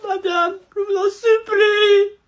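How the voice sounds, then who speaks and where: A young man voicing a panicked schoolboy who sobs and begs in a high voice. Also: flat delivery, slow pace. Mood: pleading, sobbing. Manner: pleading, sobbing, high-pitched begging. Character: panicked crying schoolboy terrified of his mother.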